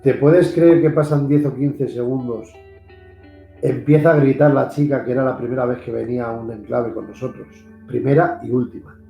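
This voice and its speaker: Gravelly Spanish-accented man telling a ghost story. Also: medium pitch, fairly even intonation, moderate pace, mellow. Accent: Spanish from Spain. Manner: earnest, repeats himself for emphasis, acts out the voices in his story. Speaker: paranormal investigator, host. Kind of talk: animated storytelling in a video interview. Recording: echoey room, faint guitar music behind.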